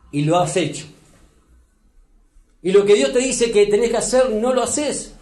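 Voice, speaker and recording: A pastor delivers a sermon in a high, warm-toned voice. He leans into key words and slows down to read scripture. The sound carries the echo of a church hall. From Uruguay. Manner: preaching with rising emphasis, reads scripture slowly.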